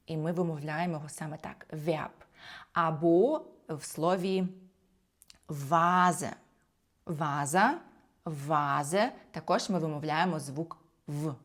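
A woman teaching German pronunciation, explaining each sound carefully and repeating every example word. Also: fairly low pitch. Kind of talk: pronunciation lesson.

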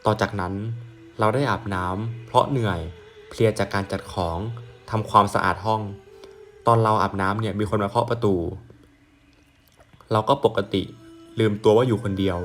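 A man calmly reading out a first-person ghost story as a storyteller. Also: on the low side, normal speed, long pauses, soft background music.

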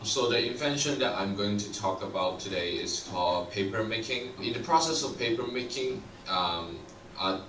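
A man's voice: low-pitched, fairly bright tone, reverberant, recorded from a distance, a little hiss or hum, rough recording. A man giving a formal, recited student presentation.

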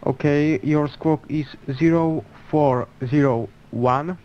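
A man's voice: fairly high pitch, slow, lo-fi sound. A man working as an online air traffic controller, giving clipped radio calls.

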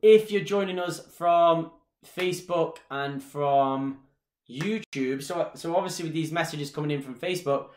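Unhurried and on the high side, this man's voice belongs to a Mancunian Irish dance instructor in his thirties. He's live streaming from his small living room at home, chatting casually and gesturing a lot while answering viewer questions. The webcam at desk distance yields a roomy sound.

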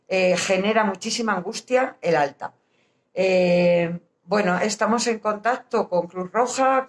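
A woman with a Castilian Spanish accent and a mid-pitched voice speaks through a face mask, which slightly muffles her words. She gives an informal explanation as a social worker, pausing to find her words. She is recorded at arm's length in a small office. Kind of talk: informal explanatory talk to camera. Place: small indoor hospital office.

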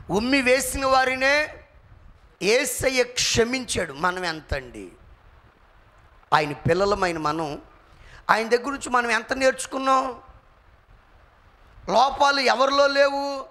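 A man with a very high, bright voice preaches a sermon to his congregation. He keeps firing questions at the listeners and mimics squabbling people in quick asides. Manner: calls out questions to the congregation and asks for responses. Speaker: pastor.

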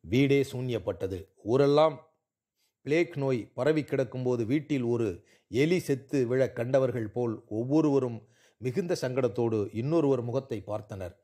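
A man narrating a literary short story in a measured, expressive way. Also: mid-range voice. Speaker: audiobook narrator.

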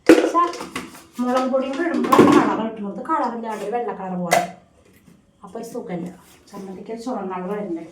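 A woman's voice: brisk, pauses often. Middle-aged woman, casual village vlogger, chatty; distant phone mic in a roomy kitchen, faint hiss. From Kerala, India. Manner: chatty, talks to pets in a high coaxing voice, often tags "kētto". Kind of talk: casual home vlog narration. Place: home kitchen.

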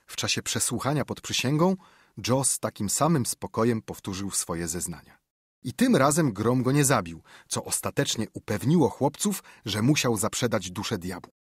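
A male narrator reads a literary audiobook with a lively, rising-and-falling delivery. His voice has a slightly husky grain and sits at a middling pitch. The recording is dry and close, with no room sound. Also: no echo. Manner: measured, expressive storytelling.

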